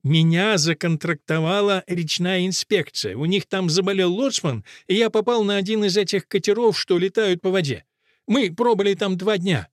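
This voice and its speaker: A man reading an audiobook, voicing a weary, patient old man who mutters and tries to calm his friend. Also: sits high, moderate pace, dry recording, studio quality, pitched above the performer's own voice, natural voice. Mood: storytelling. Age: older. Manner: muttering, calming.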